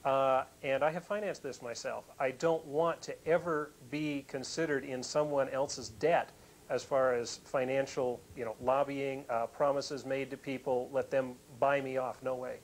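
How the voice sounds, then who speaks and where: A man's voice: mid-range voice, fairly even intonation, a little slow, slight background noise, low-quality recording. A man, a political challenger, answering a live remote news interview in an earnest, plain-spoken way. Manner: earnest, self-conscious laughs.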